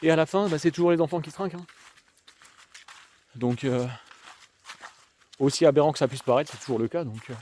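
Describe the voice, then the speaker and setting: A man's voice: a little high, brisk, pauses often, mellow. A young man with an Alsatian accent, chatting slangily to viewers while out on a countryside walk. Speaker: vlogger; schoolteacher. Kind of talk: casual rambling monologue while walking. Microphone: handheld camera. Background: faint outdoor noise, rain.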